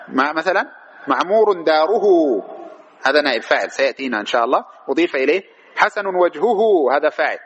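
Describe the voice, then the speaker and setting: A man's voice: on the high side, fairly bright tone. A man teaching a grammar class, reading from the text and explaining it, who asks the students questions and answers them himself. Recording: dull lo-fi lecture recording with faint noise.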